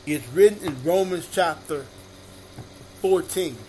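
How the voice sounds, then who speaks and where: A man preaching at an unhurried, measured pace, repeating each chapter and verse before reading it. His voice sits a little high for a man. A faint background noise runs under the recording. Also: a little mellow. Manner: repeats each verse reference slowly and deliberately. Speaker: minister. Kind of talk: slow sermon-style scripture reading.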